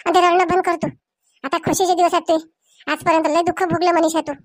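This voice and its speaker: A woman acting as a commanding elderly village aunt, speaking in a very high, piercing voice. She talks loudly and takes charge in a homemade comedy skit, recorded dry and close. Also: little pitch movement, quick pace, no room sound. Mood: reassuring.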